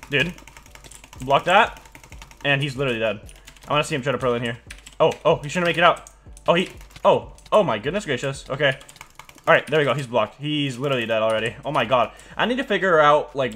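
A man's voice: mid-range voice, a bit bright. A young man doing casual gameplay commentary as a video host, talking in a slangy frat-bro way peppered with dude and bro.

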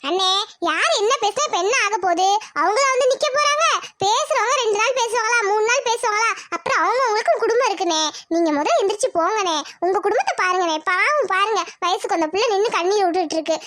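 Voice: extremely high pitch, lively intonation, pushed and bright, no echo, heavily acted. A performer voicing an outspoken village neighbor woman who urges the father home, in a cartoon. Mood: persuasive. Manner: brisk, persuasive.

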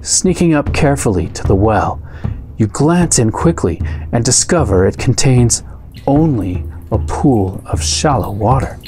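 Man, host, reads a gamebook aloud, dramatic storytelling, very lively pitch. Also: unhurried, soft background music. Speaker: storybook reader.

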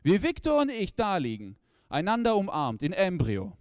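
A man doing stand-up storytelling on a stage with no audience, animated and acting out characters in the story. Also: high voice, moderate pace, smooth, no room sound, studio quality. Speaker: stand-up comedian.

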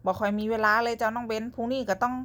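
A woman's voice: a little high, fairly even intonation, very fast, a bit bright. Chatty young Northern Thai woman vlogging. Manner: chatty, ends phrases with polite particles. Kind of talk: casual vlog narration.

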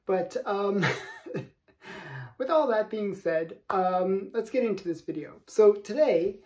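Chatting casually to camera from the comic room in his house, a comic collector in his late forties runs his own channel and drops small laughs between points. His voice sits high and slightly mellow, with lively intonation and a slow pace, and the camera in front of him picks it up.

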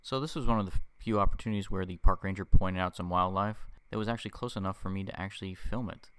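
A man's voice: low-pitched, fast talker, fairly bright tone, clear, resonant tone, no echo. A man casually narrating a boat tour voice-over for his travel vlog, chatty and easygoing with self-deprecating asides.

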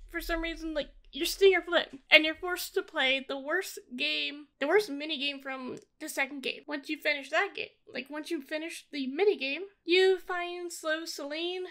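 A woman's voice: sits high, a bit bright. A woman giving a casual, informal recap of a video game, griping with blunt opinions as she goes. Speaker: gamer reviewing a video game. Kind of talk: casual gameplay recap commentary.

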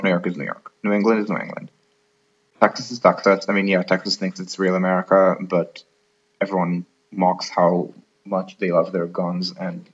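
A man's voice: sits low, fairly bright tone, lo-fi sound. A man hosting an unscripted explainer talk, hesitant, with many ums and restarts. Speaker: host of the channel.

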